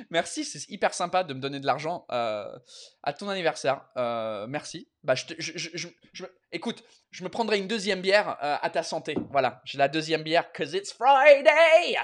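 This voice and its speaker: Man live-streaming in halting, mixed French. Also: a little high, animated, fairly bright tone. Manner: switches between French and English mid-speech; halting, word-searching French with repeated words. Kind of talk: casual live chat reading out viewer messages.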